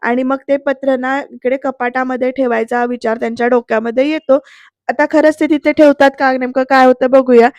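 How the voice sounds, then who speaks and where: High-voiced woman retelling a serial. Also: steady tone, fairly quick, darkish tone, dry recording. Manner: storytelling, chatty asides to viewers. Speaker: serial reviewer. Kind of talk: voice-over episode retelling.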